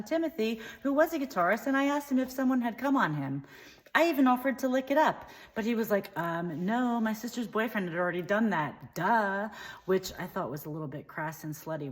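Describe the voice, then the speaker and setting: A woman delivering a rambling comedic character monologue, drifting between topics and trailing off with dismissive asides. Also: lowish voice.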